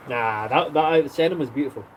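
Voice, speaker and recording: A man's voice: medium pitch, fairly quick, poor audio. Chatty man outdoors with noise. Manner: chatty, teasing, recalls details eagerly. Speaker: co-host of a travel live stream. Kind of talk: casual live-stream chat outdoors.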